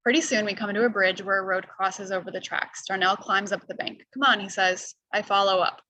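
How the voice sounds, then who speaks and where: Bright-voiced woman reading a book aloud. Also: mid-range voice, little pitch movement, a little fast, no room sound, rough recording. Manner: clear, explains as she reads. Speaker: reader. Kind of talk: reading a novel aloud to students.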